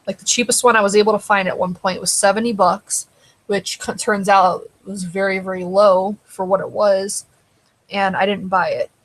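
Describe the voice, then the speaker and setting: Speaking at normal speed with a steady, medium-pitched tone, a live show host chats loosely and answers viewers' comments while her throat dries up. Her delivery is rambling and conversational, and the recording is low quality.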